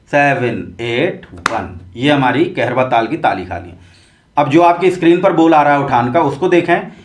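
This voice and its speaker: A man's voice: fairly high pitch, reverberant. A man teaching tabla, patiently explaining step by step and addressing viewers as friends. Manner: recites tabla syllables and counts beats aloud. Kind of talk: spoken music lesson. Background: tabla drumming.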